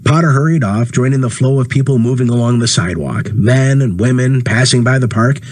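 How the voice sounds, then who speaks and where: A man with a husky voice reading a story aloud, voicing the dialogue by lifting his pitch. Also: brisk. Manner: acts dialogue with rising pitch. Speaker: narrator. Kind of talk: audiobook reading.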